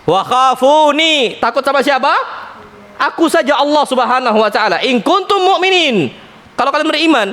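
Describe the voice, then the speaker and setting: A man teaching an Islamic study lecture, speaking in a lively way, often calling his listeners "Pak" and weaving in Arabic terms. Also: extremely high pitch. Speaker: ustadz. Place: Islamic center lecture hall.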